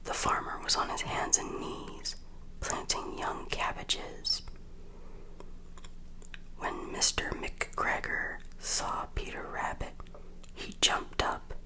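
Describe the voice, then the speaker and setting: Lady whispering a kids bedtime story, asmr style, super slow and gentle. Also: low-quality recording. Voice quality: breathy unvoiced whisper. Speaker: storyteller reading children's tales.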